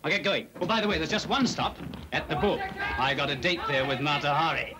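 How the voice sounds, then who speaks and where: An actor playing a brisk young army officer, giving orders in a clipped, jaunty manner, from a noisy old film soundtrack. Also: male voice, a little high, natural voice. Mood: briskly commanding.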